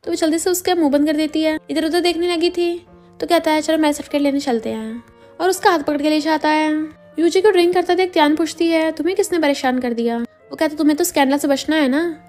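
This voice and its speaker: A woman narrating a drama plot in a fast, casual recap, voicing each character's lines herself with light shifts. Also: sits high, fairly even intonation, a little mellow, soft background music. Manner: quotes every character in her own voice with light shifts.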